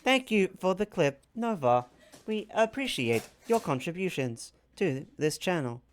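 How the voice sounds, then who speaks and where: An Australian woman chatting on her live stream with a very lively, swooping pitch. She reacts bluntly and swears freely. A faint noise sits under her voice. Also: unhurried. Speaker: VTuber streamer. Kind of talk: casual live-stream chat.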